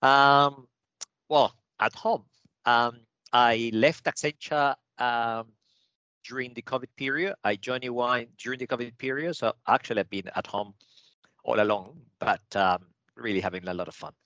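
A man's voice: medium pitch, steady tone, moderate pace, bright, forceful tone, no room sound. A middle-aged man from Venezuela, a guest on a podcast, answering in an upbeat, positive way. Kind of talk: casual interview chat.

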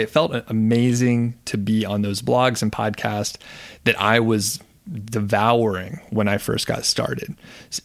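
A man's voice: lowish voice, creaky. A man hosting his own podcast, talking casually and chattily, sometimes correcting himself mid-sentence. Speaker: podcast host. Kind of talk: solo podcast talk.

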